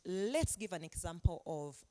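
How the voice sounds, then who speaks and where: A woman's voice: fairly low pitch, animated, measured pace, warm tone, no echo. A woman from Uganda, an anthropologist speaking as a guest on a webinar panel, explaining her points reflectively with examples over a video call. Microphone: video call mic.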